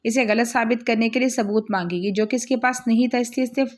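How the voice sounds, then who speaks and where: A woman reading a romance novel aloud as a storyteller, in steady narration. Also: on the high side, a little fast.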